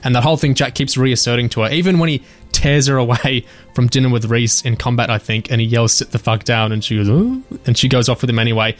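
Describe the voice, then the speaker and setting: A man in casual discussion, animated, with frequent restarts and the odd swear word. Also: mid-range voice, fast, soft background music.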